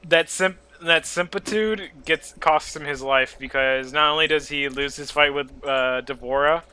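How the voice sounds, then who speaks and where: A man's voice: a little high, a little slow, clear, resonant tone. A man co-hosting a podcast, chatting casually and retelling scenes with jokes and laughter. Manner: joking, animated retelling with laughs. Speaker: podcast co-host. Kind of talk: casual chat.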